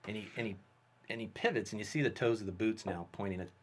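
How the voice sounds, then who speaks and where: A man, a guest filmmaker, telling a story in casual, animated conversation. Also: on the low side, fast talker. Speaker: guest, special effects artist and filmmaker.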